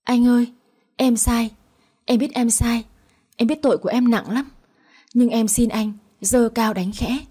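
A woman voicing a guilt-ridden young wife who pleads tearfully, in a slightly husky voice. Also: fairly high pitch, lively intonation, quick pace, dark tone. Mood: pleading.

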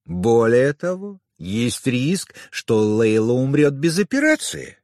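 A man's voice: medium pitch, sing-song, takes it slowly, a little mellow, no echo, studio quality. An audiobook reader voicing a stern older male hospital chief, formal and authoritative. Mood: measured.

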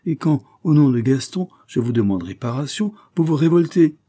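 Guy reading a scheming marquis in an audiobook, sneery and pushy, husky voice. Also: on the high side, lively intonation, normal speed, voice pushed up. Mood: menacing. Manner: sneering, insistent, rising to forceful outbursts. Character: scheming menacing male marquis, coldly polite.

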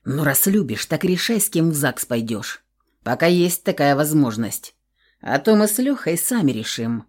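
Audiobook: gruff, blunt young man, pressing and insistent, read by a woman in a lowered voice. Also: sing-song, moderate pace, darkish tone. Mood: demanding. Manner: blunt, swearing, low and insistent.

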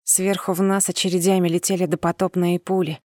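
A woman narrating a first-person audiobook in a measured, steady reading. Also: fairly low pitch, no echo, clean studio sound.

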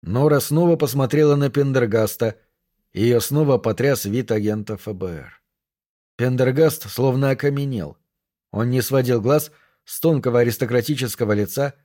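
A man reading a thriller audiobook in a measured, even storytelling manner. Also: mid-range voice. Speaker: audiobook narrator. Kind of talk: scripted narration.

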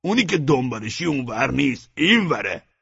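An eccentric, wine-soaked male friend rambling odd fancies in a raised, bright, husky voice, as a man puts him on for an audiobook. The recording sounds dull and lo-fi. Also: heavily acted. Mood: whimsical. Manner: whimsical, excitable, raises voice higher than the narrator.

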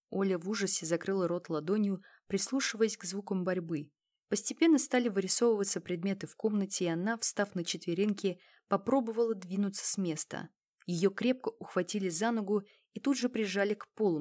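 A woman narrates a crime thriller as an audiobook. Her reading is steady and tense, in a mid-pitched voice.

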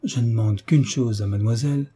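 A man's voice: medium pitch, brisk, dark tone, husky. Man reading a fawning old governess. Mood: flustered. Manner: fussy, deferential. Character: devoted, fawning older female governess. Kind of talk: audiobook character reading.

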